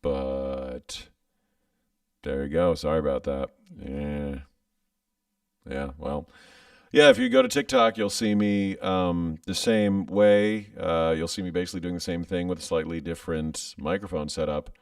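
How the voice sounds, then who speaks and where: Man, 30s, very low gravelly voice, lively pitch swings, rambling casual stream talk, dry slightly distant sound. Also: unhurried, no room sound. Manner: rambling, hesitant, many restarts. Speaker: content creator streaming live. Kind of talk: casual livestream chat. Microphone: studio microphone with headphones.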